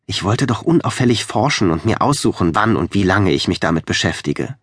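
A man lends his voice to an earnest, worried young woman explaining strange changes in a storybook. The tone sits a little higher than his own yet stays low. The sound is dry and close. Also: expressive, fairly quick, husky, no room sound. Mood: exasperated. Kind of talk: audiobook reading.

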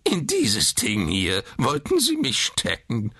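A man's voice: medium pitch, huge pitch swings, takes it slowly, sharp tone, husky, no room sound, clean studio sound, voice pushed up, exaggerated voice. A man voicing a peevish newborn who is seventy years old, with a cracked, quavering voice and a whining manner. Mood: whiny.

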